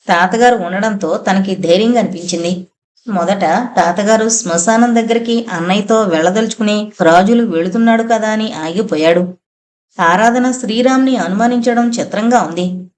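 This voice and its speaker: A woman narrating a suspense novel in a measured, dramatic storytelling manner. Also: mid-range voice. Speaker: audiobook narrator.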